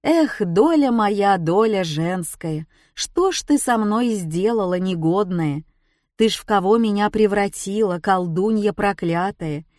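A woman voicing an embittered middle-aged mother who is quick to shout, speaking in heated, exclaiming bursts. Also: mid-range voice, no echo, clean studio sound, natural voice.

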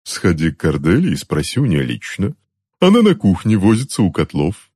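A sardonic witch aunt speaks in a slow, low, unhurried voice that drips with mockery, as a man reads her part. Her tone stays cool and detached. The audiobook sound is dry and close. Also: wildly swooping pitch, dark tone, husky, no room sound, full character voice. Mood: cold. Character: cold, sardonic witch aunt reading a book. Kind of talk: audiobook character voice.

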